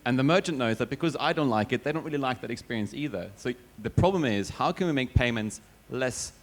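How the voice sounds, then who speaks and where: A man answering questions as a panelist on a conference stage. He speaks in a measured, reflective way, with hesitations and self-corrections. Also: medium pitch, animated. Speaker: company CEO and panelist.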